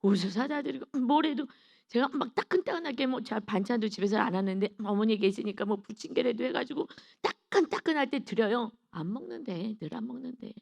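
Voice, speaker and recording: Her voice on the high side, creaky and darkish in tone, a middle-aged woman preaches at a dawn service. She tells her own testimony earnestly and emotionally, breaking off now and then with rhetorical asides to the congregation.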